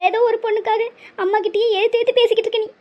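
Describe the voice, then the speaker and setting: A woman's voice: very high-pitched, fast talker. A woman voicing a stubborn, emotional middle-aged cartoon mother who pleads and guilt-trips. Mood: pleading. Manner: pleading, melodramatic, guilt-tripping. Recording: muffled lo-fi audio.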